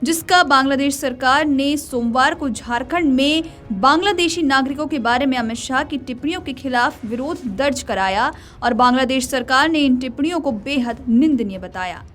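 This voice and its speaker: High-pitched female news presenter over music. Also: fairly bright tone. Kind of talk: scripted news narration. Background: faint music.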